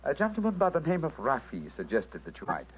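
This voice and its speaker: An actor playing a composed, courteous English gentleman detective, British accented and assured, in an old radio drama. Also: mid-range voice, wildly swooping pitch, a little hiss or hum. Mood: reassuring. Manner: polite, brisk, assured. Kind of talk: 1940s radio drama acting. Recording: dull old radio recording, music behind.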